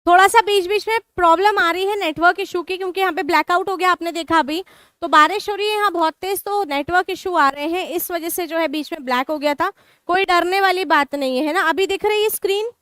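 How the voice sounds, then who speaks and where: A woman's voice: very high-pitched, a little fast, a bit bright, no room sound, clean studio sound. A woman teaching a live online exam-prep class, mixing in English terms and asking students questions she answers herself. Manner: mixes Hindi with English terms.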